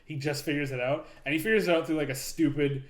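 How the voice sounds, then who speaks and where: Young male podcast co-host, blunt and sweary, slightly high voice, echoey room. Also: fast talker. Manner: blunt, swears, animated mocking retellings. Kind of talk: casual chat.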